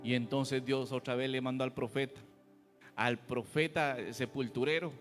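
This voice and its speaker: A man's voice: mid-range voice, fairly even intonation, normal speed, big-room sound, faint music behind. A man preaching a fiery, folksy sermon as a pastor, full of rhetorical questions. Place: church.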